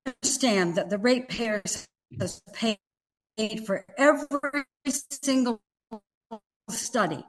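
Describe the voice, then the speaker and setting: A woman speaks slowly and haltingly on a remote call, her exasperated public comment pressing its point. Her connection glitches and breaks up, so the audio drops and warps between words. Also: on the high side, expressive, low-quality recording. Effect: glitching, breaking-up online call audio. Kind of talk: public comment at a board meeting. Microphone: remote online call.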